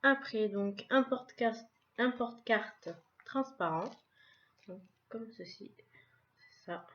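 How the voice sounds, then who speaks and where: A woman's voice: a little high, slow, a bit bright, dull audio. A woman casually presenting a subscription box in a vlog, describing each item one by one in a chatty way. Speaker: vlogger unboxing a subscription box.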